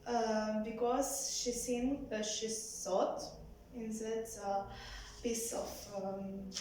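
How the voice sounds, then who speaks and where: A woman, a singing student, speaking halting English with many fillers. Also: a little high, fairly even intonation, mellow, very echoey, slight background noise, low-quality recording. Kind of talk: repeating words in a diction lesson.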